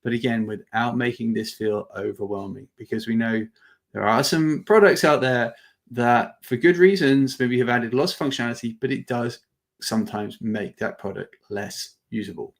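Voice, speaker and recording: A man hosts a webinar, giving an informal live product demo in halting phrases with words repeated. His voice sits at a medium pitch and sounds gravelly.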